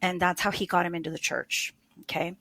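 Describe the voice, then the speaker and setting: Woman from Argentina, podcast guest, lowish voice, dry sound, chatty with ums. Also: flat delivery, brisk, pushed and bright, no room sound. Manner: chatty, frequent ums and self-corrections. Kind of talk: casual interview storytelling.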